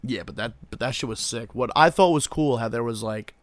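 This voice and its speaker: A young American man talks in full frat-bro mode, loose and slangy with swearing sprinkled all through. His voice sits at an average male pitch in a close, dry recording, like a co-host chatting casually on a podcast. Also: brisk, no echo. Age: young adult. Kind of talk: casual chat recapping a show.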